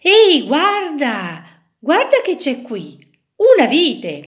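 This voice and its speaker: A scornful fisherman exclaims loudly over a rusty screw, as a woman reading aloud plays him. His storybook lines come slow and swooping. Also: high-pitched, huge pitch swings, voice pushed up, exaggerated voice. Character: gruff dismissive male fisherman.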